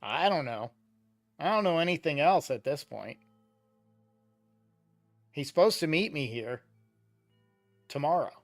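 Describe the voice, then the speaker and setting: A game master voicing a clueless, hesitant man looking for work, halting and unsure. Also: mid-range voice, animated, faint music behind. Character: clueless, hesitant male job seeker.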